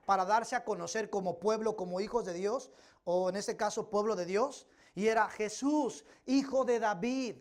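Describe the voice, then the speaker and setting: A preacher teaching a Bible study sermon to a congregation, emphatic and speaking straight to them, repeating key phrases. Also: mid-range voice. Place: church service.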